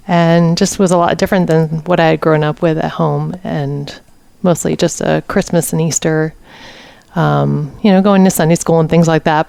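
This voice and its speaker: Woman, low smooth voice with fry, dry sound, reflective. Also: darkish tone, no room sound. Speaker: podcast guest. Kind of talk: interview storytelling.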